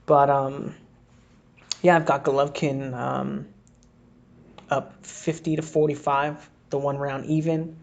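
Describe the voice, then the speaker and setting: A man's voice: mid-range voice, level tone, slow, vocal fry, long pauses, darkish tone, muffled recording. A man giving a casual, think-aloud breakdown of boxing footage, reacting to each replay as he scores the round. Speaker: boxing analyst. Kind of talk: casual fight breakdown commentary.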